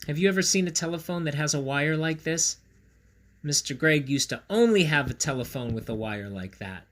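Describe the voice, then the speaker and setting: A man with an animated, fairly bright voice on the high side, speaking at normal speed, hosts a read-aloud and chat for kids. His delivery is playful, theatrical and silly, and the recording picks up roomy echo and clear background noise.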